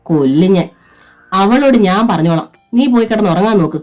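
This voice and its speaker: A furious bully of a husband yelling threats in a storybook drama, as a woman reader puts him on, pitched up and loud, low voice strained high, soft music faintly behind. he barks and snarls every line. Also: expressive, moderate pace, highs cut off, close to an everyday voice. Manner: shouting, threatening. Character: angry brutish young husband, violent.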